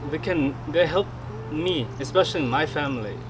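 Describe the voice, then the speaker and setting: A young man from Thailand speaking thoughtfully in an interview, pausing to find his words. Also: a little high, music in the background, low-quality recording. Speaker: program participant.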